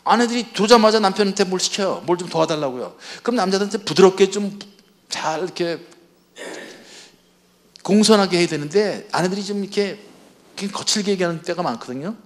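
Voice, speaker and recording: A man's voice: sits high, lively intonation, fast. A man speaking at a church marriage seminar. He asks the audience questions and acts out what spouses say to each other. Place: church hall before an audience.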